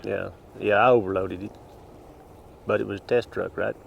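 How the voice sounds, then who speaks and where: Male rancher, Texas twang, lowish gravelly voice, folksy and plainspoken. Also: fairly even intonation, moderate pace, heavy background noise. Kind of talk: interview chat.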